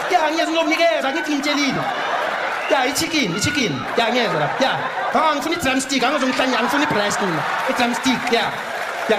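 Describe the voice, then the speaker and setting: A man's voice: extremely high pitch, voice pushed up. Give me a man voicing a sloppy, chatty airport announcer with a South African accent who rambles and repeats himself over an airport intercom. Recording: live comedy stage with loud crowd noise.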